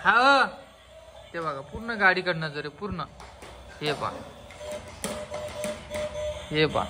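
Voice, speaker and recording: A man's voice: on the high side, lively intonation, slow pace, bright, forceful tone, soft background music. A man chatting playfully at home for his family vlog, coaxing the children as he films. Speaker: family vlogger. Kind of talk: casual home vlog chat. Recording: noisy home phone recording.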